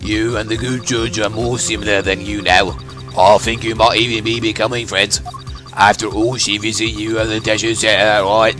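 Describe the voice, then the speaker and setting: A man's voice: fairly low pitch, little pitch movement, moderate pace, over music. A man voicing a mocking, gloating phone caller whose voice comes through a voice changer. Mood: taunting. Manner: smug, teasing, taunting. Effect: voice changer over a phone line. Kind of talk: fan voice-over of a game.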